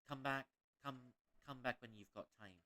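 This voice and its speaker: A man's voice: medium pitch, normal speed, sharp tone. Playful Malaysian-accented young man streaming. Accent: Malaysian English. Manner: playful, laughs often. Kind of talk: gaming stream commentary.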